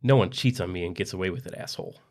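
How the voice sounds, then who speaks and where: Male reader voicing a scorned wife, cold clipped threats, low voice. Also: rapid-fire, close to an everyday voice.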